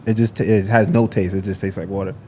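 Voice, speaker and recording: A man's voice: low voice, level tone, quick pace, darkish tone, a little hiss or hum. A man from the United States, a fighter and podcast guest, talking in a laid-back, plainspoken, slangy way. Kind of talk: casual interview conversation.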